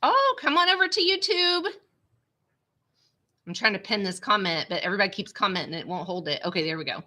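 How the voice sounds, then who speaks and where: A woman vlogger with a stuffy, congested nose chats casually and rambles to her live-stream viewers from her home computer, often saying "y'all." Her mid-range voice is bright and forceful, fairly quick, with big pitch swings, and it's captured on a small webcam.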